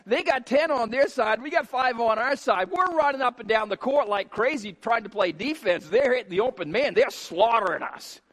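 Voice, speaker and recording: A man preaching a sermon, retelling a Bible story and acting out its characters with lively voices. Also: very high-pitched, normal speed, hardly any pauses, big-room sound. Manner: animated, acts out characters in the story. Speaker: pastor.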